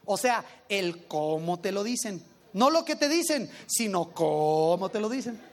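A pastor preaches a sermon to his congregation in a mid-range, very animated voice at a measured pace. His style is conversational, putting questions to the listeners and rereading lines for emphasis.

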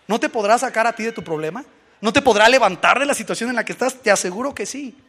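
A man preaching a sermon, animated and full of rhetorical questions, acting out little voices as he goes. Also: very high-pitched, fast talker.

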